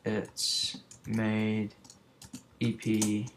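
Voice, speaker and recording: A man's voice: lowish voice, monotone, very slow, a little hiss or hum. A young man talking casually through a design tutorial, rambling and muttering to himself as he works. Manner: rambling, mutters under breath while working. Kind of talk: casual screen-recorded tutorial.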